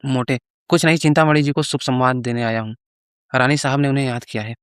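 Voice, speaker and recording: A greedy, boastful old-school priest, as a man reading the story plays him, bragging and coaxing in a steady, mid-pitched voice. The voice is clear and resonant, recorded dry and close. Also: brisk, no echo, natural voice.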